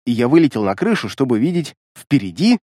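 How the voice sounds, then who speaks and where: Expressive male audiobook narrator. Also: medium pitch, a little fast, no echo, clean studio sound. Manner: expressive, dramatic reading. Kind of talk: first-person fantasy audiobook narration.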